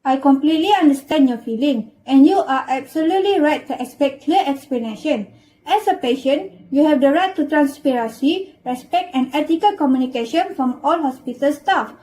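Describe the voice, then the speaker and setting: A woman's voice: high-pitched, animated, normal speed, dark tone, poor audio. A woman playing a patient relations officer in a scripted role-play, with formal, apologetic empathy.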